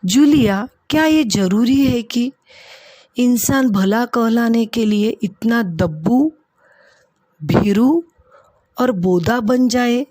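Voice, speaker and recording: A woman's voice: on the high side, slow, pauses often, warm tone, no room sound, studio quality. A woman voicing a stern, stingy male householder who questions and scolds sharply as he settles wages. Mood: gentle.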